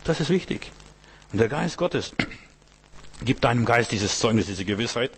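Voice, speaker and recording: A man's voice: mid-range voice, animated, measured pace, slight background noise. A man preaching a sermon, speaking emphatically in repeated parallel phrases and addressing the listener directly. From Asia. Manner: repetitive, emphatic preaching with rhetorical questions to the listener.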